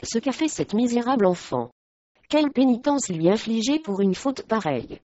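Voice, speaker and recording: A woman's voice: on the high side, big pitch swings, moderate pace, warm tone, dry recording, lo-fi sound. A woman reading the part of a stern, irritable medieval lord who scolds his household. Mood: angry.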